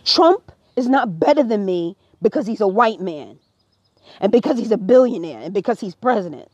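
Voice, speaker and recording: A woman's voice: mid-range voice, expressive, moderate pace, darkish tone, dry recording. An American woman giving impassioned social commentary as a live-stream host, preachy and emphatic, talking straight to her viewers. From United States. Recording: dull lo-fi dry sound.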